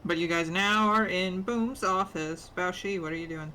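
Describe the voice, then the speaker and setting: A woman's voice: fairly low pitch, normal speed, pushed and bright, slight background noise. A woman acting as game master, casually narrating a tabletop game.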